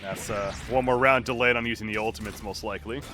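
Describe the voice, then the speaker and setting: A man's voice: lowish voice, fast, noisy background. A man working as an esports caster, giving live play-by-play commentary on a game. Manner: excitable during action, relaxed between rounds.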